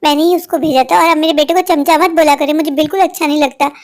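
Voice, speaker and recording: A woman's voice: high voice, fairly even intonation, fast talker. A woman voicing a young daughter-in-law in a cartoon, who talks back in a tired, complaining tone. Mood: defiant. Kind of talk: cartoon voice acting.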